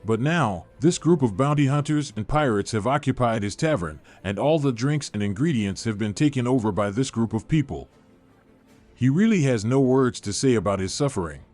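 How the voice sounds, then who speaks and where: A man reading a story aloud in an even, steady narration, with dialogue read in much the same flat voice. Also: medium pitch. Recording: faint music behind.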